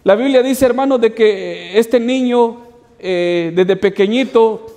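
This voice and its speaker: A man's voice: extremely high pitch, takes it slowly, mellow. A man preaching as a pastor, addressing the congregation as brothers and asking rhetorical questions. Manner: preaching with repeated "hermanos" asides and rhetorical questions. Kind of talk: sermon. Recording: long hall reverb.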